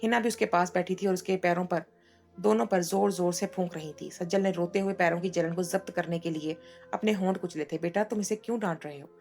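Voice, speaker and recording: Female storyteller, steady reading, gravelly and low-pitched, faint music under. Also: a little fast. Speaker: narrator. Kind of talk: story read aloud.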